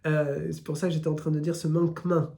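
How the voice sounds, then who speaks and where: This Islamic teacher talks fast in a flat delivery, his fairly high voice creaky yet mellow. With a southern French accent, he gives a live religious lesson, speaking straight to his audience and piling up points in repeated lists.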